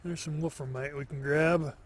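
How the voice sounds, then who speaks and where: A man giving relaxed solo commentary as he plays, slow and musing, thinking aloud to himself. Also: a little high, a little hiss or hum. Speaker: gameplay commentator.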